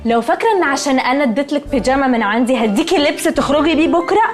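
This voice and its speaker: The high voice races along very fast, close to an everyday speaking voice, with soft music behind it. It belongs to an actress in a TV comedy playing a snooty, snappish young woman: Egyptian Arabic accent, curt and haughty, sprinkling in English words.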